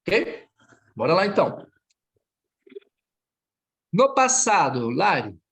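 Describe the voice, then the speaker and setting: A man's voice: sits high, sing-song, slow, a bit bright. A man from Brazil teaching French in a live online class, patiently drilling students and correcting them. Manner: patient, drills students, switches between languages.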